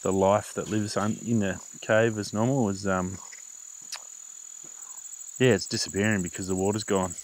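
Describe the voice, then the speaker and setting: A man's voice: fairly low pitch, steady tone, moderate pace, pauses often, rough recording. A man with an Australian accent chatting casually as he films an outdoor vlog. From rural Australia. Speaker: vlogger, father out with his young child. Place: outdoors on a bush trail. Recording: faint outdoor noise, insects.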